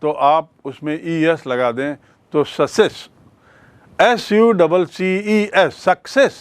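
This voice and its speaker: A man's voice: a little high, takes it slowly, smooth, no room sound. A man teaching a grammar lesson who asks the class questions, answers them himself and spells words out letter by letter.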